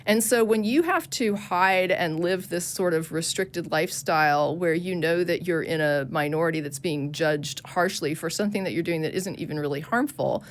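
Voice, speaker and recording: Female call-in host, earnest and fast-talking, lower register. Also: slight background noise. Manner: quick, earnest, talks through many restarts. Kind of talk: casual call-in debate.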